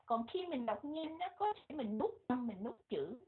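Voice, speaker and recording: A woman with a Vietnamese accent teaching English pronunciation, repeating words slowly and switching between English and Vietnamese. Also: sits high, sing-song, breathy edge. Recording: muffled, phone-like lo-fi audio.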